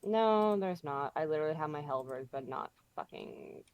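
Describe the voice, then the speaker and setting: A woman's voice: low-pitched, animated, moderate pace, a little mellow, clean tone, no room sound. A woman playing a tabletop game, flustered and talking things through as she checks her sheet. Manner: flustered, searching her character sheet aloud. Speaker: player. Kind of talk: casual tabletop game play.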